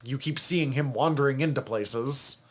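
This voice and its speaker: A man's voice: mid-range voice, moderate pace. A man co-hosting a podcast, chatting casually about a TV series, swearing freely and laughing often. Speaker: podcast co-host. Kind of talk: casual review chat.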